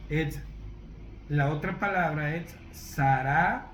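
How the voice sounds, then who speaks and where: A man teaching from the Bible, unhurried, often checking in with his listeners and spelling words out letter by letter. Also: on the high side, a bit bright. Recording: roomy echo, faint background noise.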